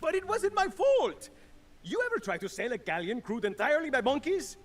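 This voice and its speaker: An actor playing a lonely, excitable, defensive castaway sailor in a video game, rambling through excuses. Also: male voice, very high-pitched, brisk. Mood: defensive, indignant. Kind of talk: video game character dialogue.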